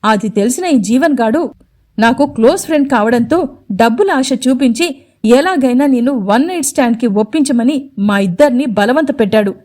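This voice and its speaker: A woman voicing a sharp-tongued, tearful young woman, angry and sarcastic by turns. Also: fairly high pitch, expressive, normal speed, lightly acted. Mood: bitter. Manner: angry, sarcastic, then pleading.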